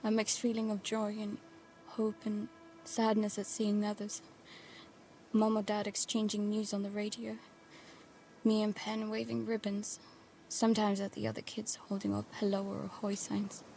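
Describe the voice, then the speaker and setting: Lightly acted and completely flat, a woman's mid-range, creaky, warm voice narrates in first person as an anxious, stubborn teenage daughter living aboard a boat. The audio drama performance is tense, intimate, uneasy and hushed at a moderate pace, with a little hiss or hum in the background.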